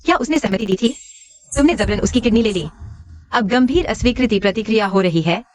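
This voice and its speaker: A woman's voice: medium pitch, expressive, brisk, close to an everyday voice. A woman voicing a bitter betrayed mother who answers her husband coldly in a dubbed drama. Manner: cold, cutting. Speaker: dubbed actress. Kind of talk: Hindi drama dubbing.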